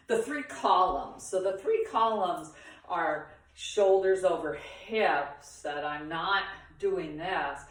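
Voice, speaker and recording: A woman with a low voice leads a beginners' tai chi lesson, recorded at a distance in a very echoey room. She speaks slowly, talking through each movement in short phrases with pauses between them. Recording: very echoey room, far from the mic.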